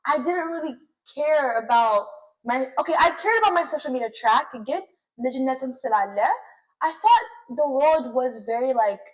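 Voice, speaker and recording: Young woman telling a story fast, high voice, really animated and emphatic. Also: low-quality recording. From United States. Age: young adult. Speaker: co-host. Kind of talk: casual chat.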